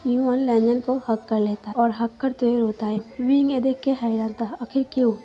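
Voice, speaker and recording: A woman host reading a fan fiction story aloud in a plain, even storytelling manner, quoting each character's lines. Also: fairly high pitch, moderate pace, slightly rough. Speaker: channel host and story narrator. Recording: dull lo-fi recording with faint music. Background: faint background music.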